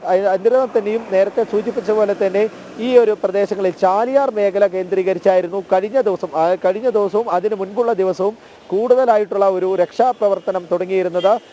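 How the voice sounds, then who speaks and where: A man reporting live from the field for a TV news channel, his voice pitched high for a man but mellow and soft in tone. He talks in halting phrases, often pausing on long filler sounds before going on, and sounds like a reporter explaining the scene without a script. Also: slight background noise. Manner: hesitant, many drawn-out filler sounds.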